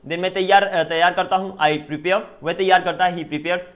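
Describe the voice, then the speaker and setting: A man's voice: high-pitched, fairly even intonation, moderate pace, a bit bright. A man teaching spoken English in an Indian English accent, drilling Hindi and English sentence pairs and checking in with "ठीक है ना?". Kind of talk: online spoken-English lesson.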